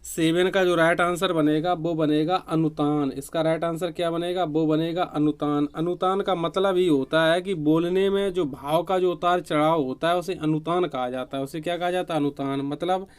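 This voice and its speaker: A man's voice: a little high, steady tone, normal speed, hardly any pauses, clean tone. A man teaching a grammar quiz to exam students, repeating each question and answer. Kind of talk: online exam-prep quiz lesson.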